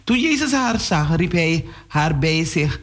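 A man delivers a sermon, speaking in a fairly high voice. He preaches on the radio and his delivery jumps up in pitch and pace at times. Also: big pitch swings, unhurried, fairly bright tone. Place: radio studio.

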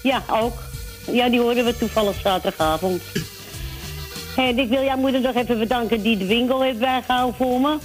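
Guy phoning into a radio show, high voice, rambles on, kinda far off on the phone line. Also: brisk, faint music behind. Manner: rambling, loses the thread, sends greetings. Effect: voice over a phone line. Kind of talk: casual chat on the phone with a radio host.

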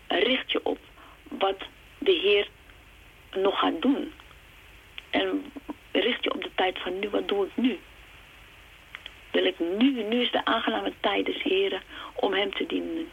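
Slow, gravelly woman preaching. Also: medium pitch. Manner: slow, earnest, with restarts. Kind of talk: sermon with Bible reading. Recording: muffled, lo-fi with faint hiss.

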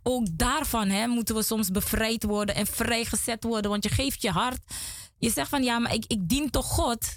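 A woman's voice: fairly high pitch, steady tone, moderate pace, no room sound. A woman guest in a small studio giving an emotional religious testimony, earnest and repeating words as she talks.

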